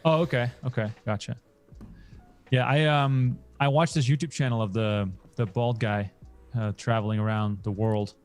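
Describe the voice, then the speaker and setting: A man's voice: mid-range voice, fairly even intonation, normal speed, clear, resonant tone, soft background music. Playful man co-hosting a poker stream. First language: Dutch. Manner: playful, teasing, dry humor. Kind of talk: casual co-host banter.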